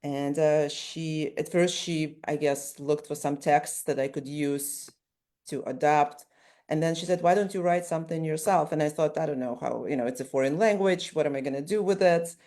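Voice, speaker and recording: This Ukrainian author-illustrator, a native Russian speaker, has a low, dark-toned voice and a moderate pace. She answers interview questions thoughtfully, frequently restarting her sentences.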